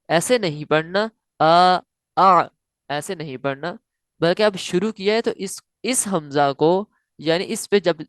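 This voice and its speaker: A woman teaching Quran recitation in a slow, step-by-step lesson. She explains each rule, then chants the example slowly and repeats it. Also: fairly low pitch, no echo, clean studio sound. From South Asia.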